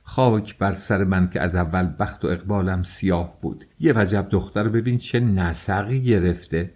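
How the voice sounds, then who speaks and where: A man's voice: deep voice, a little mellow. A man reading an audiobook, voicing a self-pitying older mother-in-law who wails and reproaches. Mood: tearful complaint. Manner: wailing, reproachful.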